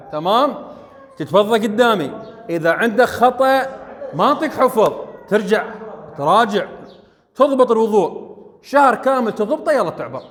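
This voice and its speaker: With a long reverb tail behind his high voice, a man with an Iraqi Arabic accent shows students how things are done in the mosque's ablution area. The lesson is religious and hands-on, and he keeps coaxing them and checking whether they've understood each step.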